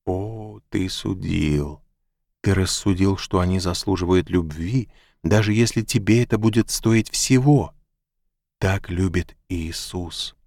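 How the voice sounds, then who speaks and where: A man voicing a calm, gentle wise woman in an audiobook, quiet and patiently insistent. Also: sits low, takes it slowly, vocal fry, no room sound, studio quality, heavily acted. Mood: tender. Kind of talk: audiobook narration.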